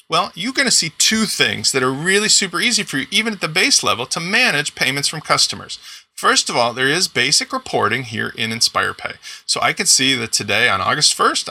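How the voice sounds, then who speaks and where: Man, 40s, enthusiastic software-tutorial presenter, slightly high voice with some fry. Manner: upbeat, enthusiastic walkthrough. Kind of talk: screen-recorded software tutorial.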